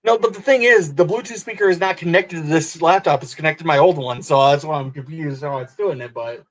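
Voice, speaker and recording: A man's voice: fairly high pitch, a little fast, fairly bright tone. A man hosting a casual watch-along chat, rambling and laughing often, heard over a distorted internet call. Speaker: podcast host. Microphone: laptop on video call.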